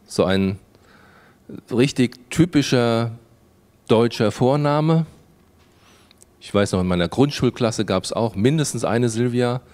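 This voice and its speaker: A man's voice: mid-range voice, a little mellow. A man hosting, chatting in a friendly way as he introduces and questions a guest. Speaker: host. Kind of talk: interviewing a guest.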